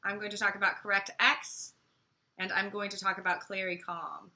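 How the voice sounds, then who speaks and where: A woman's voice: mid-range voice, little pitch movement, moderate pace, sharp tone. An American woman chatting casually about products she carries, bubbly and playful with frequent laughs. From United States. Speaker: co-host.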